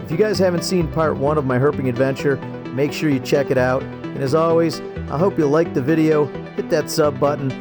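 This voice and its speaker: A man's voice: on the high side, fairly quick, over music. A man hosting a wildlife vlog, talking to viewers in an informal, enthusiastic, slangy way as he presents animals he finds. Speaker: host of a wildlife video series. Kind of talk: excited outdoor vlog narration to viewers. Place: outdoors at night, in the field in and around a city. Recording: outdoor night recording with insect and traffic noise.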